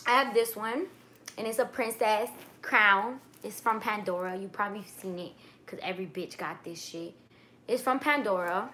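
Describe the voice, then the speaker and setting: Slight background noise accompanies a medium-pitched, sharp-toned voice at normal speed. The speaker is a young Dominican-heritage vlogger livestreaming at night from her bedroom, blanket wrapped around her, casually chatting, slangy and swearing freely while reading viewer comments into a webcam or phone at arm's length.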